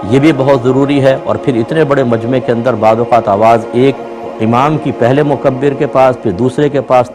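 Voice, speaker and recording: Responding to a question of faith, this Islamic scholar lays out his answer step by step in a calm, explanatory manner. He speaks in a mid-range voice.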